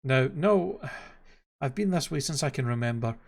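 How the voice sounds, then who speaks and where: A man acting as an anxious young princess from an animated fairy tale, earnest, flustered and dramatic. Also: medium pitch, normal speed, gravelly. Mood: sorrowful.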